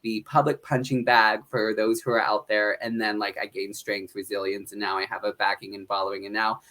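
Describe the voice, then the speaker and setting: A man's voice: fairly low pitch, level tone, a little fast, sharp tone. A man in his thirties from northeastern Pennsylvania, a drag performer and educator, talking earnestly and upbeat in a casual podcast interview, with frequent fillers.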